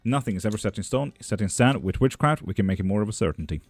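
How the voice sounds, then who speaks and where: A young man livestreams tarot readings, reading viewer messages aloud and answering his chat in a loose, joking way with lots of swearing. As a witchcraft streamer he talks rapid-fire in a fairly low voice with lively intonation. The recording is dry.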